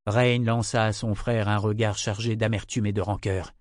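A man reading a novel aloud as narrator, in an even, measured way. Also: on the low side, no room sound, clean studio sound. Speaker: audiobook narrator. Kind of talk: scripted narration.

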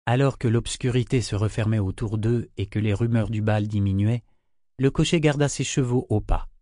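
A man narrating a fantasy novel aloud in an even, measured reading. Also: lowish voice, dry recording, studio quality. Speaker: audiobook narrator.

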